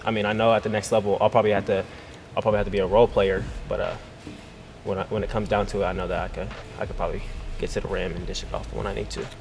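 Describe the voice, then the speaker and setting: A young man in his late teens, a high school point guard, answering interview questions hesitantly with many fillers. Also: very fast, gravelly.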